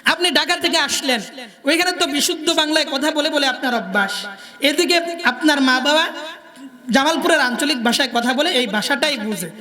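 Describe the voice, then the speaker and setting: A man's voice: extremely high pitch, moderate pace, bright, forceful tone, in a large hall. A man preaching a sermon in a Jamalpur Bengali accent, in a singsong delivery that keeps quizzing the crowd.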